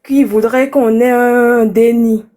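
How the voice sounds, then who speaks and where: A woman's voice: fairly high pitch, steady tone, takes it slowly, mellow. A woman calling in for advice, giving a rambling personal account in a hesitant way. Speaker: caller seeking advice.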